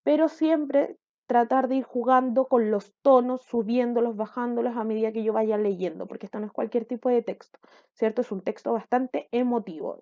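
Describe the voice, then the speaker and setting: Female school teacher, recorded lesson for kids, higher voice but mellow and warm, lo-fi dull recording, patient step-by-step explaining. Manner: explains step by step, often checks in with "¿ya?". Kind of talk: recorded online lesson for children.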